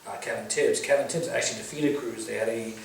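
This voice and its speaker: A man's voice: mid-range voice, fast talker, creaky. Man previewing matches, heavy room echo. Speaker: wrestling pundit previewing shows. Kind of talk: casual interview talk, match previews. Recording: very echoey room, distant mic, faint noise.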